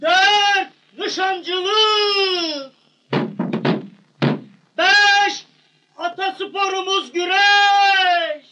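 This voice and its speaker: A very high-pitched village town crier bellows proclamations in drawn-out, sing-song phrases. The delivery is extremely slow and declaimed, over the heavy noise of an old film soundtrack. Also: male voice, fairly even intonation, distant mic, heavily acted. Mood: proclaiming. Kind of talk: town crier's shouted public announcement. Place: outdoors in a village square.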